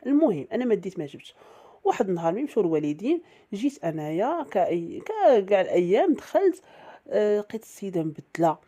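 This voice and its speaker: A woman's voice: medium pitch, sing-song, fast, warm tone. A woman with a Moroccan accent narrating a first-person story in a chatty way, with many fillers and restarts.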